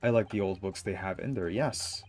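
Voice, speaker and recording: A man's voice: low voice, normal speed, darkish tone. A man voicing a very old, half-deaf man who rambles and mishears, a juror in a video game. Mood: chatty, rambling. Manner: rambling, mishears, repeats himself.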